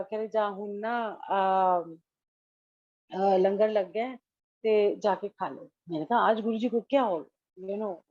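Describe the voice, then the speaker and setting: A woman's voice: a little high, mellow, no room sound, dull audio. A woman tells a devotional story casually and with feeling, mixing in English phrases and acting out the dialogue. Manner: mixes English phrases into Hindi; emotional, storytelling with quoted dialogue. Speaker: devotee sharing a testimony. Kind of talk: casual spoken testimony.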